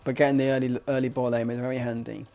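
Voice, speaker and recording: Male game caster, chatty, rambling, restarts his sentences a lot, mid-pitched voice. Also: little pitch movement, fast, creaky, a little mellow, muffled recording. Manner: rambling, self-correcting, chatty. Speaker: esports caster. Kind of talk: live game commentary.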